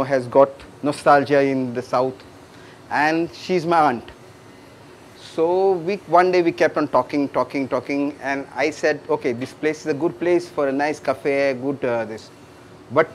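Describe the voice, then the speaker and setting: Middle-aged man, cafe owner, casual and hesitant interviewee, faint room noise. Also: on the high side. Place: indoor room.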